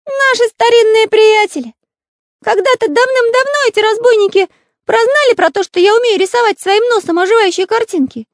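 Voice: very high-pitched, brisk, no echo, studio quality, pitched above the performer's own voice. A reader voicing a kind, earnest male artist in a storybook reading, with an earnest, indignant manner. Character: kind, earnest male artist who draws with his nose.

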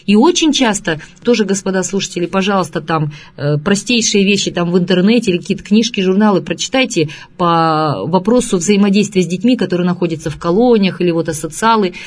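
A woman's voice: fairly low pitch, animated, fast talker, hardly any pauses. A woman speaking to radio listeners as an expert, earnest and lecturing, asking many rhetorical questions. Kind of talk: radio talk on child psychology.

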